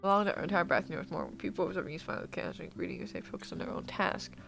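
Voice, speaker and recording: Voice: medium pitch, expressive, racing, gravelly. A streamer reading a text adventure aloud, often tripping over words and correcting themself, with faint guitar music behind. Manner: stumbling reads with self-corrections.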